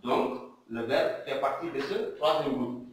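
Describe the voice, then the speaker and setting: A man from Senegal, an English teacher, explaining grammar slowly and repeating himself, checking in with rhetorical questions. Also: medium pitch. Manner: slow, repetitive, rhetorical questions. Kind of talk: classroom grammar lesson. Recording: echoey room, mic at a distance.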